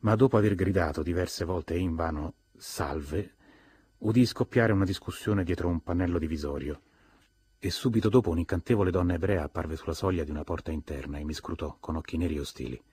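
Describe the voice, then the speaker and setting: A man reading a novel aloud as an audiobook narrator, measured and even. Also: low voice, slightly rough. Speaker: audiobook reader.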